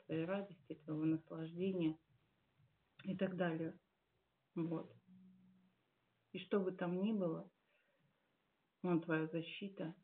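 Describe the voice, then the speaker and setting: A woman in her late forties giving a heartfelt church testimony, earnest and musing, with many pauses and fillers. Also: on the low side, creaky. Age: 40s. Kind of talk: personal testimony at a service. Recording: tinny phone-like sound.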